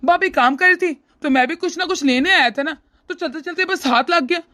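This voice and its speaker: A woman voicing a sly, smug young brother-in-law in a cartoon, with an oily, teasing manner and a high, dry voice. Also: brisk, sharp tone, dry recording. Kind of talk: cartoon voice acting.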